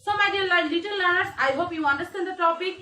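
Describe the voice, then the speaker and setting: A woman teacher with a Bangladeshi accent, giving a children's English lesson, reading English slowly and explaining it in Bengali. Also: extremely high pitch, steady tone, sharp tone. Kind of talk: online class lesson. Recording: echoey room, distant mic.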